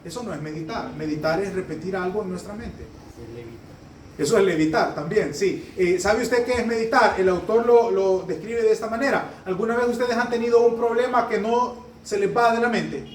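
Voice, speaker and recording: Male pastor, high voice, quick and chatty sermon delivery with loud emphatic peaks, roomy church sound heard from a distance. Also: a little hiss or hum. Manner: fast-talking, humorous, conversational preaching. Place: church sanctuary. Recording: echoey hall, heard from a distance.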